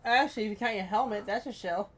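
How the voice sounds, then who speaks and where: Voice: medium pitch, quick pace, a bit bright, a little hiss or hum. Eager chatter chiming in on a stream. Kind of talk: casual chat.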